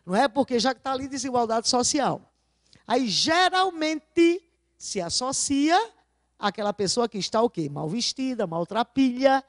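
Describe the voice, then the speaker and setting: A woman teacher walks through exam answers with a lively voice that swings up and down. She sits a little high in pitch and keeps quizzing her class with questions she answers herself. The sound is close and dry, with no room around it. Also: dry recording. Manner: didactic, stresses key words slowly. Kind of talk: video lesson going over exam answers.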